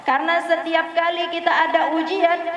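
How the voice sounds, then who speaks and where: Woman preacher, Banjar accent, high pitch, dull and echoey live-stream sound. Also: little pitch movement, normal speed. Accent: Banjar Indonesian. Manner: chatty, asks the audience often, acts out prayers. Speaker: preacher at a women's study gathering. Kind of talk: lively sermon to women. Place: prayer hall.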